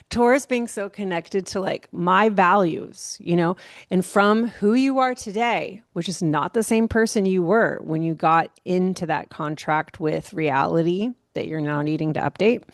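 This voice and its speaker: A woman astrologer giving a casual monthly horoscope talk, rambling and relaxed, with many fillers and soft laughs. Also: on the low side, a little slow, dry recording, clean studio sound. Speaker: astrologer host.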